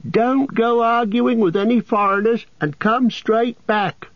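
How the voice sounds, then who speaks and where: A woman's voice: fairly high pitch, fairly even intonation, measured pace, no echo, pitched above the performer's own voice. A man voicing a farmer's wife who calls out anxious warnings, on a dull lo-fi audiobook recording. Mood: fussing. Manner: calling out, fussing.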